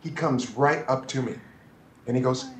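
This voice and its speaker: A man in his fifties, a photographer telling stories as an interview guest, animated and prone to restarts. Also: medium pitch, normal speed, echoey room, a little hiss or hum, rough recording. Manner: animated, restarts and acts out quotes. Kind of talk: anecdotal interview storytelling.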